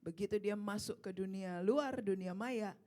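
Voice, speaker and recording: Lively woman mixing English into her talk. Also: mid-range voice, moderate pace. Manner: warm, emphatic, rhetorical questions. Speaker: parenting speaker answering audience questions. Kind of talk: casual seminar talk, mixing Indonesian and English.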